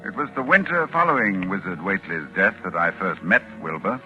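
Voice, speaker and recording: An actor playing a dignified, fearful university scholar, with dramatic educated delivery in a 1940s radio horror drama. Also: male voice, deep voice, sing-song, brisk, lo-fi sound. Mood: haunted, dramatic. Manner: dramatic, educated, hesitant when alarmed. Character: learned male university librarian, dignified, appalled and fearful. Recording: band-limited 1940s radio recording with music.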